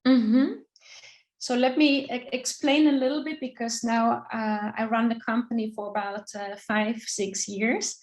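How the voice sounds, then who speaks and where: A middle-aged woman from Austria with an Austrian accent, a business coach answering interview questions thoughtfully, with many pauses and restarts. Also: fairly high pitch, fairly even intonation, low-quality recording. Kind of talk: casual interview, video call.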